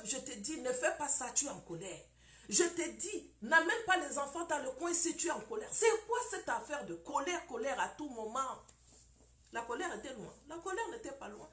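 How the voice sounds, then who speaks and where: Animated high-voiced woman preaching. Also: reverberant. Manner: emphatic, with repeated phrases and rhetorical questions.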